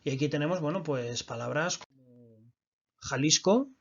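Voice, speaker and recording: A man's voice: on the high side, a little slow, gravelly, slightly rough, lo-fi sound. A man teaching a recorded online language lesson, explaining patiently and often checking that his listeners follow.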